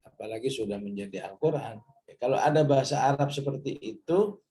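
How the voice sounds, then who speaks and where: A middle-aged man from Indonesia teaching a Quran study lesson, explaining patiently, checking in with "ya" and reciting Arabic verses slowly. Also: mid-range voice, warm tone.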